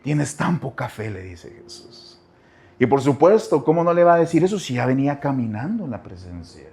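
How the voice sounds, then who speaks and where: A man pastor preaching a sermon, dropping to soft low asides and rising to loud cries, talking straight to the congregation and repeating phrases. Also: sing-song, fairly quick.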